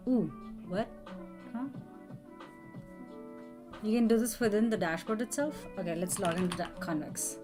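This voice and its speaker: A woman's voice: medium pitch, a little slow, long pauses, music in the background. A woman live-streaming a coding session, thinking aloud and chatting with viewers as she works.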